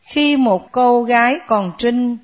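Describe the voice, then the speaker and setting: A woman from the class reading a scripture passage aloud, slowly and carefully. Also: on the high side.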